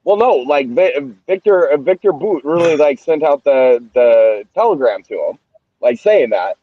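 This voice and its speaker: Halting sardonic man on a dull mic. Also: on the high side, very animated, no echo. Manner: halting, many fillers, sardonic. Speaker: podcast co-host. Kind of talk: casual podcast chat.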